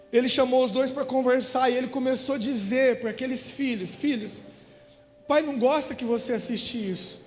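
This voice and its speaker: A Brazilian man preaching a sermon in a church, telling a story and stressing his points with emphatic repetition. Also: extremely high pitch. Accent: Brazilian Portuguese. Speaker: pastor. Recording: hall reverb with faint music.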